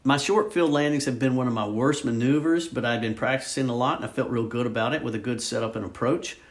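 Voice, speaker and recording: A man's voice: mid-range voice, fast. A man giving a casual, informal narration as a student pilot recounting a flight, with slightly hesitant phrasing. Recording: steady loud aircraft engine and cabin noise. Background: aircraft engine drone and vehicle ambience.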